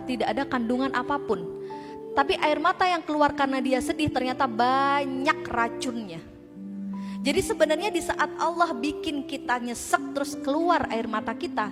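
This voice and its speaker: Woman speaker, high voice, lively talk to a women's group, long hall reverb with music behind. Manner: animated and conversational, with rhetorical questions to the crowd. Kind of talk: motivational religious talk to a live audience.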